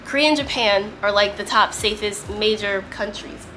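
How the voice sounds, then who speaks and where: Bright and forceful in tone, this mid-range female voice moves at a moderate pace over slight background noise on a low-quality recording. She's a host chatting casually and emphatically to camera from a seated position, occasionally reading aloud, her voice a bit strained and stuffy from a cough she's still recovering from.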